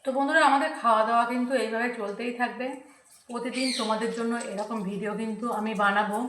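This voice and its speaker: A woman talks casually to her viewers about the meal and calls them friends. Her voice sits a little high. The recording is echoey, with a faint hiss underneath. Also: fairly even intonation, fast, a bit bright. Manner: chatty, addressing viewers as friends. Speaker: cooking and food vlog host. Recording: echoey room, faint noise.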